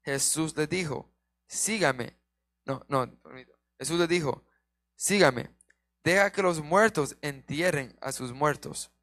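A man reading Bible verses aloud slowly and carefully, stumbling now and then. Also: on the high side, a bit bright, no room sound. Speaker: scripture reader.

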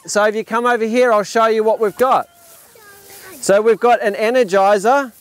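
A man's voice: high-pitched, smooth, no echo. A man in his thirties with an Australian accent, showing visitors around his farm outdoors, talking with enthusiasm and frequent restarts, recorded by a camera at a distance. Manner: enthusiastic, explanatory, with fillers and restarts. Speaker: farm owner giving a tour. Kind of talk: outdoor demonstration talk. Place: open paddock outdoors.

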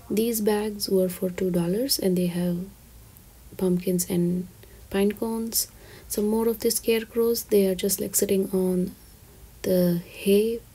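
A woman giving a soft, half-whispered walkthrough of store items for her shopping vlog, listing each item and its price. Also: medium pitch, creaky, slightly rough. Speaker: shopping vlogger. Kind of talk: shop-with-me voice-over.

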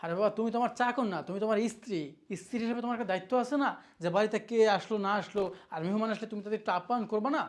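A woman's voice: mid-range voice, very fast, close to an everyday voice. A woman playing a husband who pleads with his angry wife to treat his sister kindly. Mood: pleading. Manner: pleading and reasoning. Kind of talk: short film acting.

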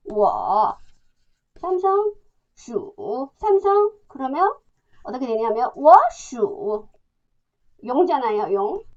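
A woman from China with a Chinese accent, leading a beginner language lesson in a high voice. She speaks very slowly and leaves long gaps for learners to repeat. Her pitch leaps up and down as she demonstrates the tones, and the recording sounds dull and lo-fi. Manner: slow, drawn-out demonstration with lively pitch jumps on tones.

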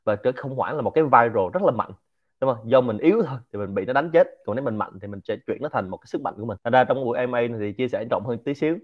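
A man with a Central Vietnamese Quảng Nam accent giving a lively, informal lecture to a community and dropping English words into his talk. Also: mid-range voice, rapid-fire, phone-quality sound. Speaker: speaker hosting a Q&A session.

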